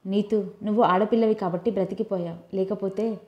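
A woman's voice: medium pitch, fairly even intonation, brisk, a little mellow, muffled recording, lightly acted. A woman reading a lovesick young man. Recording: roomy echo.

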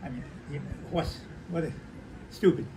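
An American man in his nineties, an old veteran remembering the past in halting, conversational stories, repeating himself and acting out remembered dialogue. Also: a little high. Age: 90s. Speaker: war veteran interviewee. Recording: noisy handheld home recording.

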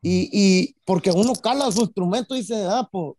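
A man's voice: high voice, normal speed, darkish tone, dry recording. A man with a Mexican accent talking casually as a musician guest, rambling with lots of fillers and tag questions. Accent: Mexican Spanish. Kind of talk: casual interview chat.

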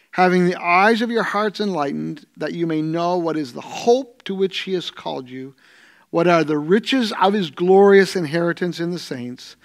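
A middle-aged man with a Canadian accent teaches through a scripture passage as a pastor, his voice sitting fairly high. He talks in a thoughtful, searching way, with fillers and restarts. He sits in a church studio with a lapel mic. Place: church studio set, seated in armchair.

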